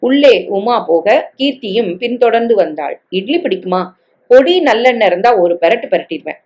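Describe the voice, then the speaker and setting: A woman's voice: a little high, lively intonation, a little fast, darkish tone. A woman reading a Tamil family novel aloud. She shifts her tone to voice each character's dialogue. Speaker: story reader.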